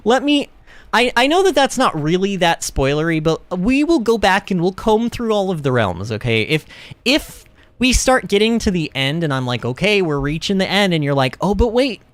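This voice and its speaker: A man's voice: high-pitched, very animated, moderate pace, smooth, no room sound. Chatty young man streaming a game. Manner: chatty, rambling, laughs often, reads chat aloud. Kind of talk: livestream gaming commentary.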